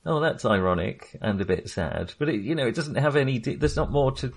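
This co-host of a British film podcast has a mid-range, slightly rough voice, expressive and a bit quick. In the relaxed film discussion he hesitates, rambles and regularly interrupts himself.

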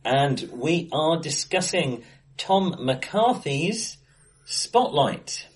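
A podcast co-host with a slightly high voice speaks very slowly with big pitch swings during a casual film discussion. He talks face to face with someone indoors, in an acoustically bright, live-sounding room.

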